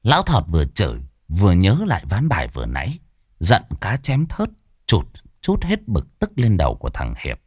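A man narrating a story in a lively, colloquial storytelling manner. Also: deep voice, moderate pace, husky, dry recording, clean studio sound.

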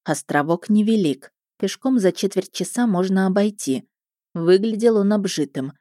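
A woman narrating a first-person story in a lively, expressive way. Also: medium pitch, normal speed, dry recording, clean studio sound. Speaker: audiobook narrator.

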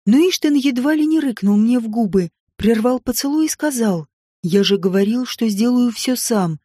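A woman narrating a romance novel in the first person, in an intimate, expressive reading. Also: sits high, slightly rough, no room sound, studio quality. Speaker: audiobook narrator.

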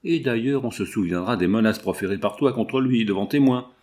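A man's voice: medium pitch, brisk, darkish tone, lightly acted. A man voicing a cynical, brutal male foreman who gives orders and threats. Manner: cynical, commanding.

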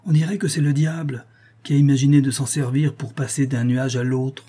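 A loyal young manservant, excitable and fretful, his voice jumping higher than the narration, as a male narrator puts him on. The voice has a husky, warm tone. Storybook reading. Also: brisk, lightly acted. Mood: alarmed.

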